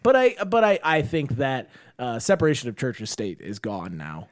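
A young man and former high school coach, co-hosting a podcast in casual chat, rambling and swearing while acting out quotes. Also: huge pitch swings, moderate pace. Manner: rambling, profane, acts out quotes.

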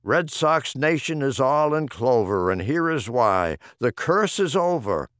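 A man narrates humorous rhyming poems for an audiobook in a theatrical, rhythmic style. His mid-range voice has a sing-song lilt, a measured pace and a slightly bright tone. The studio-quality recording carries no room sound.

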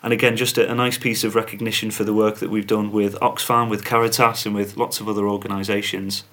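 A man speaking as a company spokesman on a podcast, giving measured, businesslike interview answers. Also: fairly low pitch, flat delivery, fairly bright tone. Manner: measured, corporate, uses fillers.

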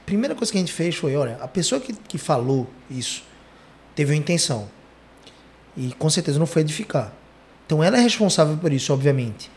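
A man hosting a conversational podcast, telling stories with lively emphasis. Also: fairly high pitch, quick pace. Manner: animated storytelling, lively emphasis. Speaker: podcast host.

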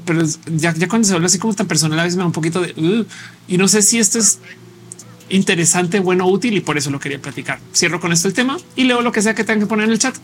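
A man's voice: high-pitched, fairly bright tone. A man with a Mexican Spanish accent hosting a casual live show, thinking aloud in a conversational way and reading viewer comments.

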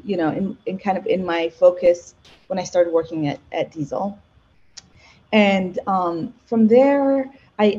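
Woman from Egypt, podcast guest, mellow husky voice, animated storytelling, dull lo-fi sound. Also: mid-range voice. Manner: animated, self-correcting storytelling. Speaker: podcast guest, marketing executive. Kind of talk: casual interview chat.

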